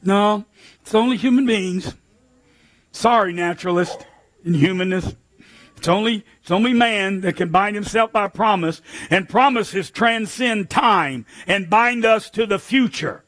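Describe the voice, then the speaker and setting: An older American man preaching a sermon in an animated, emphatic way, with sudden shouted lines and a slightly husky voice. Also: high voice, unhurried. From United States. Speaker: pastor.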